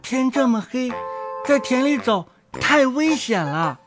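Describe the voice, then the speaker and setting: A woman puts on a tiny, daring storybook boy with a very high, shrill voice that jumps around, teasing and calling out. Soft music runs under the reading throughout. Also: animated, takes it slowly. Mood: cautious. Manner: shrill, teasing, calls out loudly. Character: tiny, bold, cheeky boy hero.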